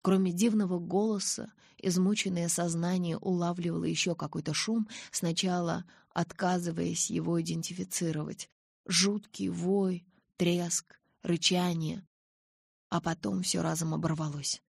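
A woman reading a novel aloud in a dramatic, intense way, with a husky voice. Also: lowish voice, steady tone, measured pace, a little mellow, no echo, studio quality. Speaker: audiobook reader. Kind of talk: scripted narration.

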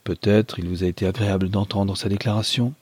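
A man reading the part of a stiff, haughty English army captain who speaks coldly and condescendingly, in a low, husky voice. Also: steady tone, fast talker, a little mellow, no room sound. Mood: cold, superior. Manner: cold and condescending.

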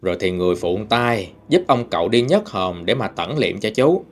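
A man with a Southern Vietnamese accent telling a ghost story in a folksy, lively way, voicing the people in it. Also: on the low side, moderate pace. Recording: faint music behind.

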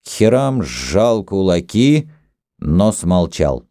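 A man narrating a novel in a measured reading voice. His pitch is very low, yet it moves with lively range. The tone is dark and mellow, and the recording is dry and close. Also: dry recording. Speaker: audiobook reader. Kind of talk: scripted narration.

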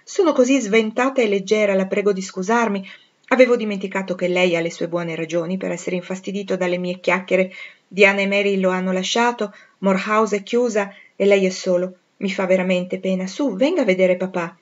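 A woman's voice: medium pitch, fairly even intonation, a little fast, lightly acted. Woman reading as a cheerful coaxing young lady. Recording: dull lo-fi recording.

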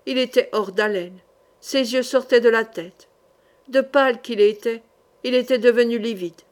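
A woman audiobook reader narrating a historical novel in a measured, dramatic storytelling manner. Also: a little high.

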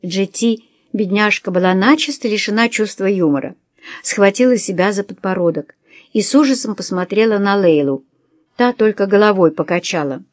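A woman narrating a novel as an audiobook in a calm, even storytelling manner. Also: mid-range voice, normal speed, no room sound, clean studio sound. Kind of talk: scripted narration.

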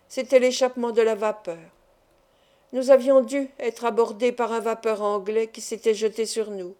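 A woman reading a classic novel aloud as first-person narration, in a steady storytelling manner. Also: a little high. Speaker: audiobook reader.

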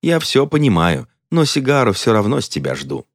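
A man's voice: medium pitch, big pitch swings, normal speed, no echo, clean studio sound, pitched above the performer's own voice. A man voicing a hot-tempered shopkeeper who barks insults and teases. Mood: teasing. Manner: barking, mocking.

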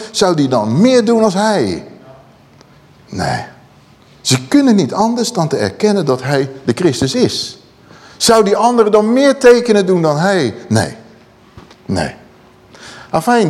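A man preaching a sermon, animated and asking his listeners questions. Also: fairly high pitch. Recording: long hall reverb.

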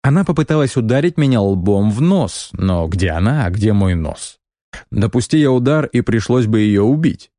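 A man reading a first-person fantasy audiobook in a calm, measured, wry manner. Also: on the low side, no echo, clean studio sound. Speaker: audiobook narrator.

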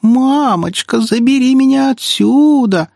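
A man's voice: very high-pitched, unhurried, gravelly, a little mellow, dry recording, clean studio sound, pitched above the performer's own voice, heavily acted. A man reading an audiobook, voicing a feisty red-haired teenage girl who taunts and mocks. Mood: mocking. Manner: taunting, scornful.

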